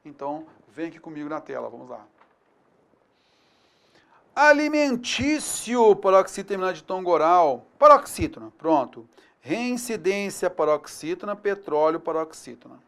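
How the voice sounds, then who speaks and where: A man's voice: on the high side, a little fast, vocal fry. Upbeat Brazilian male grammar teacher. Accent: Brazilian Portuguese. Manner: upbeat, energetic, stresses key words loudly. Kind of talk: recorded online exam-prep lesson.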